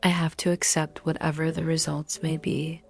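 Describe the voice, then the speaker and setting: A woman narrating a scripted self-help talk in a calm, measured way, sometimes dropping to breathy near-whispers. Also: low-pitched, soft background music. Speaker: motivational narrator.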